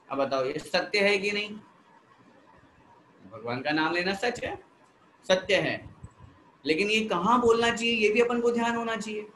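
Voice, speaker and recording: A man's voice: high-pitched, fairly bright tone, roomy sound, a little hiss or hum, low-quality recording. A man giving a spiritual discourse to an audience, explaining by repeating phrases and asking rhetorical questions. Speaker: Jain religious teacher.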